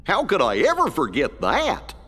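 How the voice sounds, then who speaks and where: A man voicing Goofy, a dopey, good-natured male cartoon dog who talks slowly and stumbles over words. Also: on the high side, huge pitch swings, pushed and bright, husky, heavily acted. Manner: slow, dim-witted and stammering. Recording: long hall reverb.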